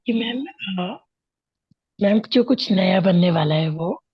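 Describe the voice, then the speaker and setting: A woman's voice: mid-range voice, expressive, takes it slowly, slightly rough, no echo. A woman answering as a student, hesitant and brief, with many fillers. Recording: dull, dry classroom mic.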